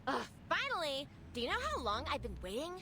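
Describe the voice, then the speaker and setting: A woman's voice: high voice, very animated, brisk. A woman voicing a panicked, demanding homeowner in an exaggerated valley girl drawl. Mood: exasperated panic.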